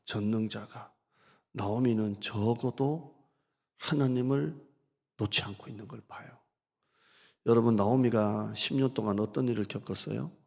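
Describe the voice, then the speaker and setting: Male pastor, low husky voice, preaches with rhetorical questions, echoing church hall. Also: a little mellow. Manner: asks the congregation rhetorical questions; reads scripture slowly and deliberately. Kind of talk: sermon. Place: church sanctuary. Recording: long reverb of a church hall.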